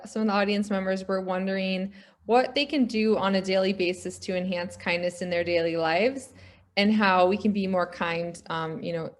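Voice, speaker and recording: Female moderator, mid-pitched, plain questions to panelists. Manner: relays audience questions.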